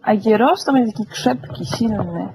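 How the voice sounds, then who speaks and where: A woman's voice: a little high, lively intonation, moderate pace, noisy background. A woman teaching a group lesson, patient and asking the class questions, often checking "tak?" as she explains. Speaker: Greek teacher.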